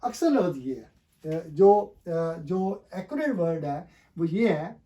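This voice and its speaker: A language teacher, male, gives a pronunciation lesson where he asks the viewer questions and says the answers back. His speech is slow and measured with many pauses for thought. He has a high, mellow voice with big swings in pitch.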